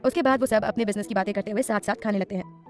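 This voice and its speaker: A woman storyteller narrating a serial story in a brisk, even reading. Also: medium pitch, faint music behind.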